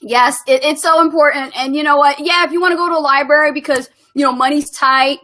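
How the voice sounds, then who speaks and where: High-voiced upbeat woman co-hosting a webinar. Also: fairly even intonation, quick pace, pushed and bright, roomy sound. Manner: upbeat, emphatic, laughs often. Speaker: co-host of online business webinar. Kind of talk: casual motivational talk.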